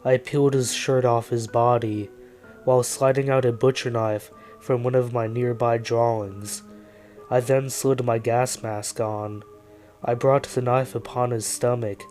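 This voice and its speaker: A man narrates a dark first-person horror story at a very slow, deliberate pace. His delivery is calm and weary, with a middle-pitched voice. Faint music plays quietly beneath him. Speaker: creepypasta narrator. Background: faint background music.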